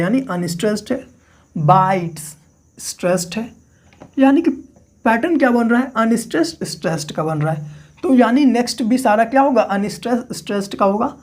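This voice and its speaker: A male literature teacher giving a lecture who asks the class questions, answers them himself, and slowly repeats key terms for note-taking. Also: sits high, a little mellow.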